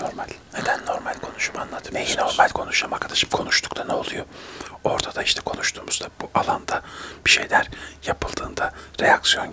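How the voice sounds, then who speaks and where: A man in his thirties doing a whispered role-play of a testy TV debate, arguing insistently in a breathy whisper. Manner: whispering throughout, argumentative, insistent. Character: testy male TV debate guests squabbling in whispers. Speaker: ASMR creator acting out a debate show.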